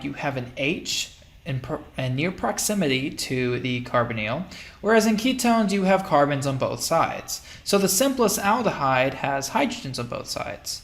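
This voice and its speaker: A man giving a casual recorded chemistry lecture over slides, relaxed and thinking aloud with fillers and small self-corrections. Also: medium pitch. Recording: roomy echo.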